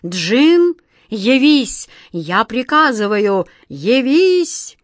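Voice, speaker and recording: A woman's voice: a little high, expressive, a little slow, dry recording, clean studio sound. A woman playing a fretful, whiny fairy-tale king who barks orders and frets over his health. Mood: commanding. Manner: whiny, commanding, easily flustered.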